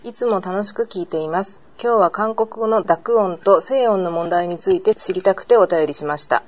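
A woman co-hosting a podcast, reading a listener's letter aloud in an even, careful way. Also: on the low side, moderate pace.

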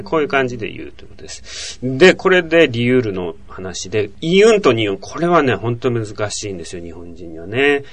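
The chief editor and host of a Korean language podcast speaks in a mid-range male voice, recorded dry. In lively, casual chat he explains pronunciation and acts out the sounds aloud.

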